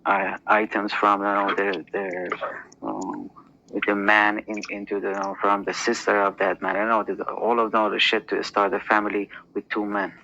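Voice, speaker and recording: A low, gravelly man speaks haltingly in a casual podcast discussion, filling his pauses with hesitations and restarts. His tone is bright and forward. The audio is dull and lo-fi, with faint background noise. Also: completely flat delivery. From Iran. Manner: halting, with many fillers and restarts. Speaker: podcast guest.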